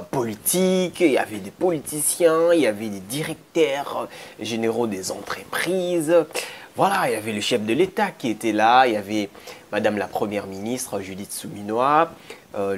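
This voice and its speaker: A man with a Congolese accent giving spoken commentary as a presenter, halting and repeating phrases for emphasis. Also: fairly low pitch. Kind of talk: spoken commentary introducing a clip. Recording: faint background noise.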